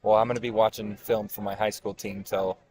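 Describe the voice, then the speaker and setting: A man in the color commentator's seat, breaking down football plays in a relaxed, conversational way. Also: on the low side, fairly quick, a little hiss or hum. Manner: relaxed, conversational, with fillers and restarts. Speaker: color commentator and high school coach. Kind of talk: casual analytical sports commentary.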